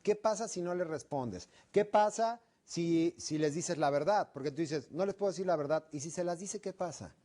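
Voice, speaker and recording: A man's voice: on the high side, normal speed, few pauses, dark tone. Man lecturing a class, questioning tone. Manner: questioning, acts out example phrases. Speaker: instructor.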